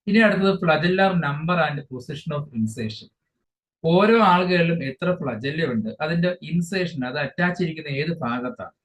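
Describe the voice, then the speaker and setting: A man teaching an exam-focused biology lesson, explaining each English term again in his own words and often pausing mid-phrase. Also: a little high, fairly bright tone. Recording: dull lo-fi sound with faint hiss.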